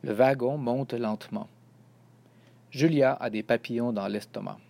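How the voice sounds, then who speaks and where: Man with a dark voice reading a children's story. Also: mid-range voice, unhurried, gravelly. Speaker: narrator. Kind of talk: scripted storybook narration.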